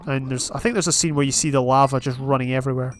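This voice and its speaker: Slight background noise accompanies a young Scottish man speaking rapid-fire in a steady, mid-range voice. As a gaming YouTuber doing casual Minecraft let's play commentary, he chats, thinks aloud, and reads out advancements.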